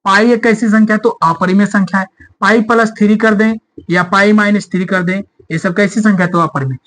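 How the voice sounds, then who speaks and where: Man, high pitch, maths teacher, classroom lesson, repetitive explaining. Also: steady tone, brisk, fairly bright tone. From India.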